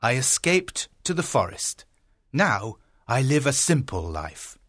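A man voicing a big, fat, jolly friar who is blunt and teasing, with a bold, booming delivery in a storybook reading. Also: very animated, slow pace, fairly bright tone, full character voice. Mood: earnest.

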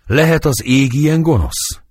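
A man's voice: fairly high pitch, expressive, darkish tone, slightly rough, no room sound, studio quality, pitched above the performer's own voice. A man reading the part of young Juliet, anguished and passionate, in dramatic verse.

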